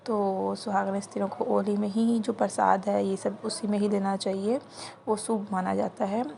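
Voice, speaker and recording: A woman's voice: medium pitch, little pitch movement, moderate pace, vocal fry, mellow. A young woman vlogger who chattily explains the steps of a home puja ceremony, speaking into her phone at an indoor gathering. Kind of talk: casual vlog narration.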